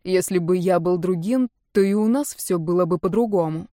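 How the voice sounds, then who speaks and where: A woman voicing a young man who speaks quietly and a little lower, wry and brooding. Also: normal speed, no echo, studio quality, close to an everyday voice. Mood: rueful.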